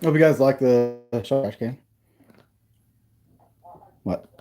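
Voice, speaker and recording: A man's voice: mid-range voice, takes it slowly, over music. A man hosting a casual live stream, chatting straight to his viewers. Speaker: livestream host.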